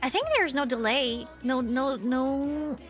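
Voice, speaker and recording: A woman's voice: high voice, steady tone, slow, soft background music. A woman streamer chatting casually on a livestream, rambling and teasing, with restarts as she thinks aloud.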